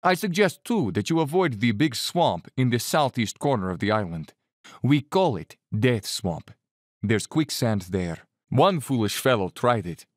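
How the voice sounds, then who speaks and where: An urbane Cossack general in an audio drama. His delivery is animated and courtly, with cold condescension under the polish. The sound is close and dry. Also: medium pitch, unhurried, no room sound. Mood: briskly courteous.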